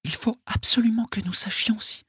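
A man reading an audiobook, voicing a sharp, commanding noblewoman who interrogates a prisoner, in a husky falsetto. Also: steady tone, moderate pace, no echo, clean studio sound, heavily acted. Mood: urgent. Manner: imperious, urgent questioning. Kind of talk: audiobook character voice.

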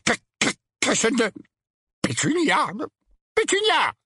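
Uncle Vernon: a man doing a shrill bellowing uncle. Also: huge pitch swings, slow pace, bright, forceful tone, slightly rough, no room sound, clean studio sound, full character voice. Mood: stammering. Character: blustering furious middle-aged uncle. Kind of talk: audiobook character voice.

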